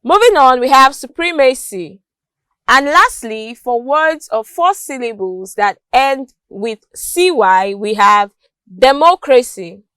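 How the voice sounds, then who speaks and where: A woman teaching English word stress in a scripted lesson, reading word lists carefully and clearly. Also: a little high, expressive, takes it slowly, hardly any pauses, sharp tone, dry recording.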